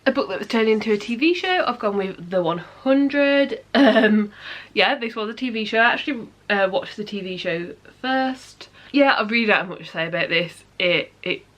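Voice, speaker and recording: A woman's voice: mid-range voice, animated, moderate pace, a bit bright. A British woman from the UK, chatting casually about her books in a rambling, giggly way. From United Kingdom. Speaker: book vlogger. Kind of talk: casual chat.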